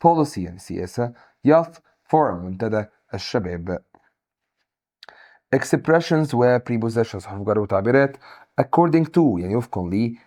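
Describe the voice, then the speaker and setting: A young man with an Egyptian Arabic accent giving an exam review lesson, briskly reading English words and then their Arabic meanings. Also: medium pitch, dark tone. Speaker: English teacher.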